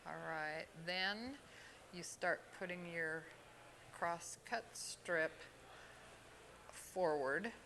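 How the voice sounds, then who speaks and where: A woman from Oregon giving an unhurried step-by-step fly tying demonstration at an expo. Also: lowish voice, creaky, a bit bright, a little hiss or hum. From Oregon, USA. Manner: unhurried, plain instructional talk with pauses. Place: expo hall.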